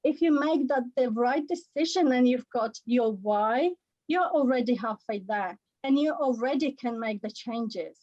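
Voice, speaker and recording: A woman's voice: a little high, lively intonation, unhurried, dry recording, highs cut off. A woman from Slovakia with a Slovak accent, a workshop presenter answering questions in an earnest, encouraging way. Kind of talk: answering questions in an online meeting.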